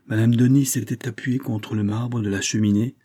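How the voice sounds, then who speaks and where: A man reading a classic novel aloud as narrator, in a measured, even storytelling manner. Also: mid-range voice. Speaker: audiobook narrator.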